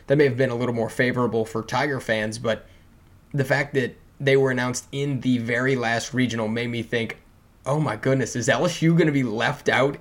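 A man co-hosting a sports podcast, talking in a loose, chatty way with fillers and restarts. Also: medium pitch. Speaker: podcast co-host. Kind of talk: casual sports podcast chat.

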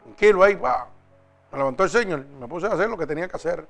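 A man preaching a sermon and giving his own testimony, moving between loud exhortation and hushed storytelling. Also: high-pitched, expressive, fast, vocal fry, soft background music.

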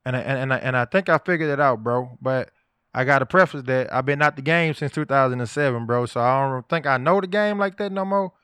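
Rambling podcast host with a dry close sound. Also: male voice, medium pitch, brisk, fairly bright tone, clean tone, dry recording. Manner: loose, rambling, repeats words. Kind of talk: casual podcast chat.

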